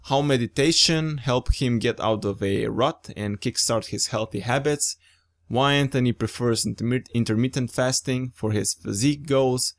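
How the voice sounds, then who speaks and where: A man's voice: mid-range voice, normal speed. A young man hosting a fitness podcast, talking in an upbeat, enthusiastic and informal way. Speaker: podcast host. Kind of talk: casual podcast chat.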